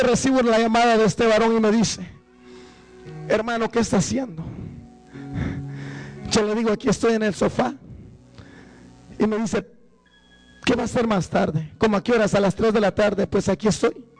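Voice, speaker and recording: High-voiced preacher man. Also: rough recording. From Guatemala. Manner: rises to fervent, high-pitched preaching. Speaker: guest preacher. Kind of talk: evangelical sermon.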